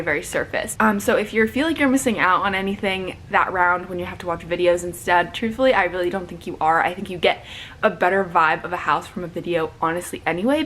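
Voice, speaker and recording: A woman's voice: mid-range voice, a little hiss or hum. A young adult woman giving casual Q&A advice to viewers in a bubbly, chatty sorority-girl way, saying "like" often. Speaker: sorority recruitment vlogger.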